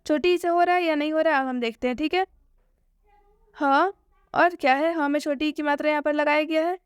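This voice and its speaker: This woman teaches spoken English, posing questions she answers on her own and going over every point slowly again. She has a high-pitched voice, captured as clean studio sound with no room noise.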